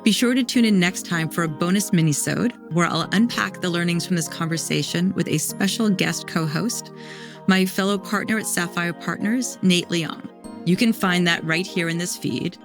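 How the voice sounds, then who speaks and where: A woman's voice: on the low side, moderate pace, music in the background. A woman podcast host asking interview questions and reading the show's outro with enthusiasm.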